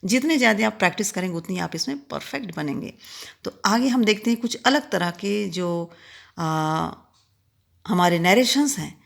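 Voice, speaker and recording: A woman teacher with an Indian accent, explaining English grammar, reading each example sentence slowly before explaining it. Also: mid-range voice, lively intonation. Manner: reads English examples slowly and clearly, then explains in quick Hindi.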